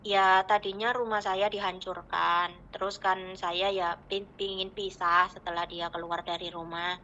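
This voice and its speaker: A woman's voice: medium pitch, flat delivery, a little slow, pushed and bright, dull audio, a little hiss or hum. A woman with a Javanese accent earnestly recounting her troubles to a host, calling her Miss again and again. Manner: earnest, addresses listener as Miss constantly. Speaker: caller telling her story. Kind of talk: emotional personal storytelling. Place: in Hong Kong.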